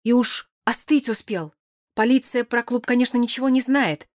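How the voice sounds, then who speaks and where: A woman's voice: a little high, no room sound, clean studio sound, pitched above the performer's own voice, close to an everyday voice. A woman doing a weeping, frightened young man. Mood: shaken. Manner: sobbing, breathless, rushed.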